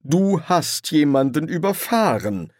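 A man's voice: medium pitch, sing-song, unhurried, husky, no echo, studio quality. A man doing a fussy, prim angel. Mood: accusing. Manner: prim, earnest, slightly raised voice. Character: fussy, gentle, anxious male angel. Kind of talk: audiobook character voice.

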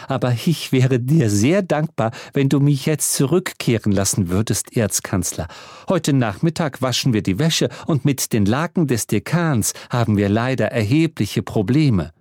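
A man's voice: mid-range voice, animated, normal speed, darkish tone, no room sound, clean studio sound, close to an everyday voice. A man doing a prim, dignified housekeeper lady. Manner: polite, stiffly proper.

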